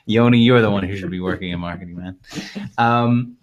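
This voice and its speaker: A man presenting a live webinar, talking casually with many fillers and restarts, his voice a little hoarse. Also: lowish voice, fairly quick, dull audio. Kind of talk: live webinar sales pitch.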